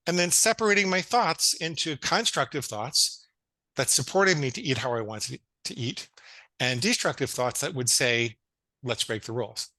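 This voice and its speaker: Bright-voiced man in his fifties. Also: on the high side, animated, moderate pace, no echo. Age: 50s. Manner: earnest storytelling with stammered restarts. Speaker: guest psychologist. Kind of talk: casual interview chat.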